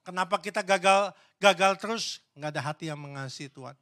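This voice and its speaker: A male pastor preaching a sermon in a church, swinging between loud, emphatic questions to the congregation and hushed, low asides. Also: rapid-fire.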